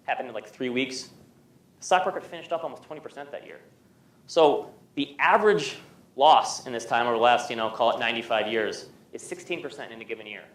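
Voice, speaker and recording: A man giving a conversational talk on investing to an audience, with quick restarts and frequent "right?" checks. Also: medium pitch. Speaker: speaker at an economic club. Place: lecture venue with an audience.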